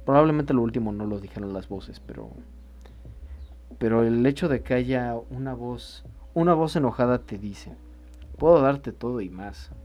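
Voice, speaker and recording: A man co-hosting a podcast, chatting casually about song lyrics in an animated way, swearing freely and thinking aloud with restarts. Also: medium pitch, moderate pace, highs cut off. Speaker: podcast co-host.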